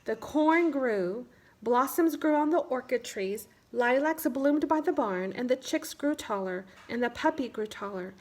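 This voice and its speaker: A woman with a high-pitched, animated voice reads a children's picture book aloud. Her phrasing is measured and simple, suited to young listeners.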